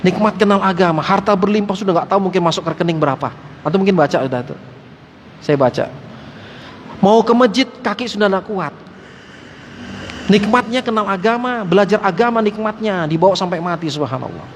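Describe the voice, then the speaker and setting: High-voiced man preaching in a mosque. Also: a little fast, long pauses. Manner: lively, joking, addresses listeners as Pak and antum. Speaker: Islamic teacher. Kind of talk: mosque study-circle sermon. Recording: echoey hall with faint background noise.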